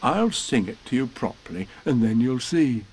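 A man voicing a cheerful, muddled male bear with a slow, earnest way of talking. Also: medium pitch, lively intonation, a little mellow, a little hiss or hum, natural voice, low-quality recording.

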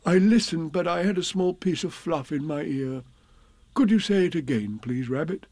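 A man voicing a gentle, slow-witted, dreamy toy bear in a children's storybook, with a vague, drawn-out delivery. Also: on the high side, animated, no room sound, pitched above the performer's own voice. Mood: dozy, puzzled. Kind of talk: children's storybook character reading.

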